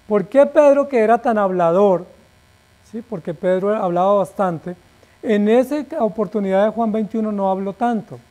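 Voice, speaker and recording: A male pastor preaching a sermon emphatically, asking rhetorical questions and letting his phrase endings fall quiet. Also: high-pitched, moderate pace.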